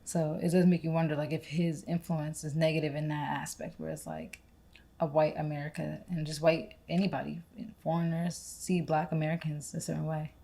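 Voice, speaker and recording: A young woman co-hosts a podcast in a loose, rambling conversational style. Her voice sits low and sounds soft and mellow rather than bright. She strings her thoughts together with frequent "like"s. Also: level tone, brisk, gravelly. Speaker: podcast co-host. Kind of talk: casual conversational chat.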